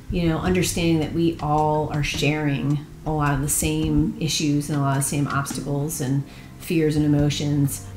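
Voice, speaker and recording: A woman talking earnestly in an interview about a book project she started. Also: low voice. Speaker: founder of a women's book project. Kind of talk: reflective interview talk. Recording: roomy with music behind.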